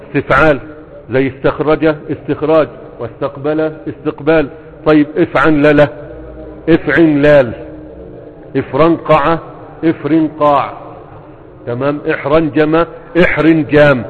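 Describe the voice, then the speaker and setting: A man with an Egyptian Arabic accent teaching Arabic morphology. He repeats verb patterns slowly and often checks that his students understand. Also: a little high, slight background noise. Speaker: grammar teacher. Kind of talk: spoken lesson explaining verse on Arabic morphology. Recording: phone-like sound with a long reverb.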